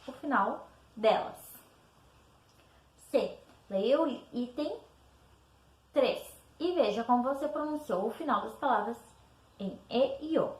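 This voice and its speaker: Lively high-voiced Brazilian woman teacher. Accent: Brazilian Portuguese. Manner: explains patiently, checking in with "tá?". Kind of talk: recorded spelling lesson walkthrough. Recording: echoey room.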